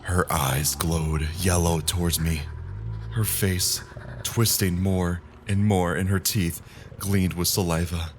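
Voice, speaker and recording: A man narrating a horror story in a measured, grim, scripted style. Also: low voice, fairly even intonation, a little hiss or hum.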